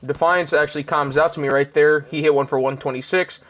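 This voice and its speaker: A man's voice: fairly high pitch, fairly even intonation, brisk, fairly bright tone. A young man giving casual, laid-back commentary over his own gameplay, chuckling often and poking fun at himself. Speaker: gaming commentator. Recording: dull lo-fi mic.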